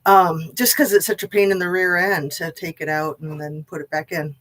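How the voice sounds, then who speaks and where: A woman's voice: fairly low pitch, fairly even intonation, normal speed, a bit bright, low-quality recording. A woman hosting a casual live true crime stream, chatting to viewers in a rambling way, her diction slightly impeded by braces and wax in her mouth.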